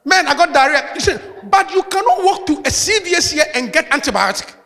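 A man's voice: very high voice, sing-song, fairly quick, bright, forceful tone, in a large hall. A man preaching a sermon as pastor, calling out hallelujah between points. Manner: preaching with call-outs of hallelujah.

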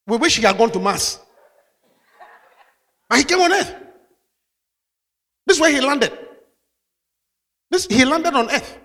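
A man's voice: extremely high pitch, sing-song, a little slow, pauses often, fairly bright tone, long reverb tail. A man preaching a sermon as pastor, calling out hallelujah between points. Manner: preaching with call-outs of hallelujah.

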